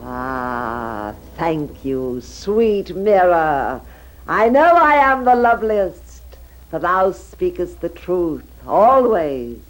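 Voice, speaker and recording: A woman's voice: lowish voice, sing-song, drawn-out words, heavily acted, rough recording. A woman voicing a proud, vain and jealous wicked queen who speaks in a haughty, commanding, theatrical way in a storybook record.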